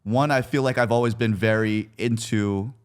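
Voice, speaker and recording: Speaking at a normal speed with a steady, clean tone, a man in his twenties uses a lowish voice. He's a content creator guesting on a podcast, chatting frankly and casually about his personal life with slang and a bit of cursing.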